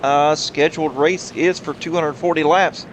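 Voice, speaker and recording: Lead caller for an online truck race, a man, higher-pitched, excitable, over engine drone. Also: slight background noise. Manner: excitable play-by-play, quick reactions. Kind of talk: sim racing play-by-play commentary.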